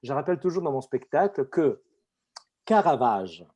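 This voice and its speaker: A middle-aged man speaks with an Italian accent, lively and expressive as he talks things through. His voice sits at an ordinary pitch for a man, and he talks in the easy, conversational way of a guest actor. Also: normal speed, husky, highs cut off. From Italy. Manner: expressive, animated. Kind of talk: casual conversation.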